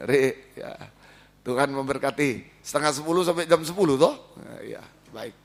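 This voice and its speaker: A man's voice: medium pitch, measured pace. A man preaching as pastor, repeating his points and mixing exhortation with playful asides. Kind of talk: sermon. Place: church.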